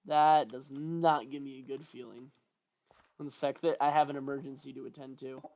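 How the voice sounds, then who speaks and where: A person giving casual let's-play commentary, rambling and thinking out loud in a fretful, chatty way. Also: medium pitch, fairly even intonation, normal speed. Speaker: gameplay commentator.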